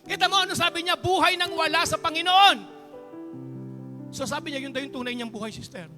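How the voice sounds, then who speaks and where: High, bright-voiced man preaching. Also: fairly quick, soft background music. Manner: jokes with the congregation and calls for applause; swings from quiet talk to shouted praise. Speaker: pastor. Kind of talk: sermon. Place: church hall. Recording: church hall with long reverb.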